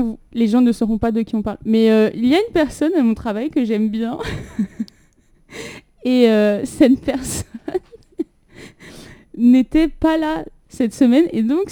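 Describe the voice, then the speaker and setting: This young woman hosts the reading as a poet, chatting casually and reading poems with frequent laughter and plenty of fillers. Her voice is warm and on the high side, with no echo and clean studio sound. She's recorded on a phone propped on a water carafe in a small room.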